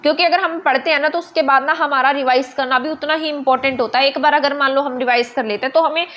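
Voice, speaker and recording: Woman, Hindi accent, high voice, teacher, explains step by step, spells letters out slowly. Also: steady tone, fairly bright tone. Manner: explains step by step, asks and answers her own questions. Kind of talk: online grammar lesson.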